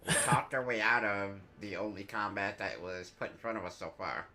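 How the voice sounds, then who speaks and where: A man's voice: lowish voice, fairly quick, a loud crowd. A man chatting casually as he co-hosts a live game stream. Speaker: gaming streamer.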